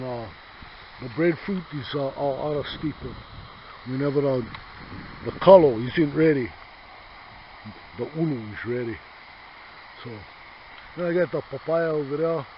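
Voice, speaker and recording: A middle-aged man from Hawaii's Big Island with a Hawaiian Pidgin accent, talking casually outdoors in his yard, rambling, swearing freely and calling the listener brother. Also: on the high side. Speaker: host. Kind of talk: casual chat. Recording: dull lo-fi sound with faint noise.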